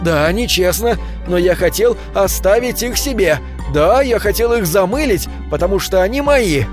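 A man reading an audiobook, voicing a wounded man who shouts through his tears and defends himself. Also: high-pitched, lively intonation, normal speed, faint music behind, pitched above the performer's own voice. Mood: tearful defiance. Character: wounded desperate man, crying and defiant.

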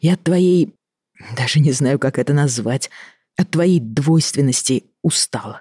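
A reader voicing a tired, fed-up middle-aged doctor in an audiobook, reproachful and measured. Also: mid-range voice, expressive, darkish tone, breathy edge, dry recording, studio quality. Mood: weary. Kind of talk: audiobook reading.

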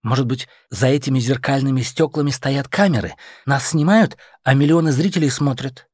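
A man reading an audiobook, voicing a cautious, polite, nervous man in glasses, pitched higher than his own voice. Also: normal speed, a little mellow, slightly rough, no room sound, clean studio sound, lightly acted.

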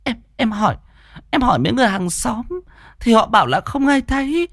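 A man's voice: very high-pitched, very animated, fairly quick, fairly bright tone, no room sound, clean studio sound, pitched above the performer's own voice, full character voice. A man voicing a panicked young mother in a spoken ghost story, stammering as she searches for her missing child.

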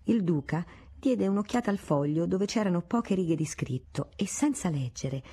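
Low, husky woman narrating a novel. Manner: steady, measured storytelling. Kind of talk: audiobook narration of a classic novel.

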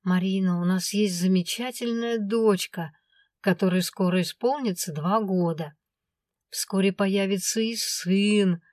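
A woman's voice: a little high, normal speed, no room sound, clean studio sound, pitched above the performer's own voice, natural voice. A woman reading an audiobook voices a possessive male dragon who grumbles and coaxes. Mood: coaxing. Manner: pleading and grumbling. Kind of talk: audiobook character voice.

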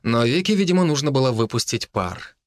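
A man narrating a first-person audiobook in a steady, earnest storytelling manner. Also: medium pitch, fairly quick, no room sound, clean studio sound.

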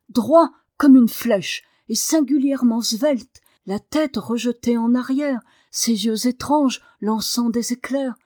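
A woman's voice: on the high side, dry recording, clean studio sound. Woman reading a novel aloud. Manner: expressive reading. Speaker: audiobook narrator. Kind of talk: scripted narration.

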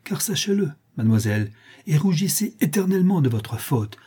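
A man's voice: mid-range voice, normal speed, warm tone, husky, natural voice. A man reading an audiobook and voicing a haughty older aristocratic countess who scolds and commands. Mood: bitter, ironic.

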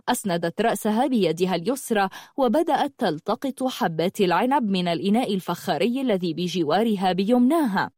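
Animated woman reading a story aloud. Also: medium pitch, dry recording, studio quality. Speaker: narrator. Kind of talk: storybook narration.

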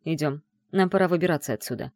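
A woman voicing a gentle, self-assured male mage who speaks in a soft, low, hushed murmur. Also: quick pace, dry recording, clean studio sound. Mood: tender, teasing.

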